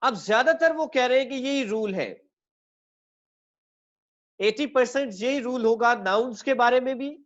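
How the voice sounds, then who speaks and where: Slow, deliberate male English teacher. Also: very high voice, fairly bright tone, lo-fi sound. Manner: slow, repeats each example word several times, drawing out stressed syllables; addresses listeners as children. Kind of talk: classroom-style lesson.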